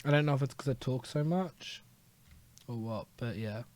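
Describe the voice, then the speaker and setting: A young man from Australia giving casual gameplay commentary in a relaxed, rambling way, with many "um"s and yawns. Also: medium pitch, normal speed, a little hiss or hum. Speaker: gaming YouTuber.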